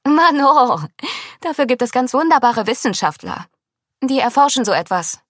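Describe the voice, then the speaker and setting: A woman voicing a cheerful, proud honey-selling woman in a storybook, talking in a bright and lively way. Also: sits high, normal speed, dry recording, studio quality, pitched above the performer's own voice, exaggerated voice.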